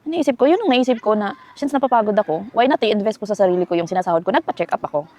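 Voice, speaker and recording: A woman's voice: mid-range voice, animated, rapid-fire, mellow. A young woman from the Philippines chatting casually to her viewers from home in a life-update vlog, rambling with fillers and self-corrections. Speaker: vlogger.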